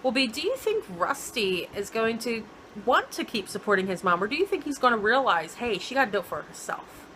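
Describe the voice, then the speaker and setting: A woman's voice: on the high side, sing-song, moderate pace, bright, forceful tone, slight background noise, low-quality recording. A woman co-hosting a casual TV recap chat, talking chattily and mimicking characters playfully. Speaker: podcast co-host.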